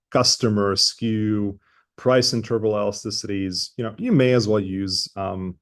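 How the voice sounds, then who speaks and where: A man with an Eastern European accent explains material as a webinar presenter. His voice sits fairly low and is heavily creaky. He talks informally and hesitantly, often tagging points with a checking "right?".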